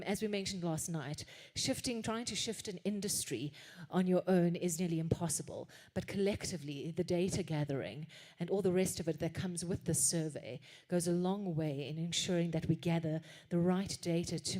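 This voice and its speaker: A woman's voice: fairly low pitch, normal speed, dark tone. Upbeat woman hosting a conference. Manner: upbeat, teasing with the audience. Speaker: conference host. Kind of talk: live event hosting. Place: conference hall.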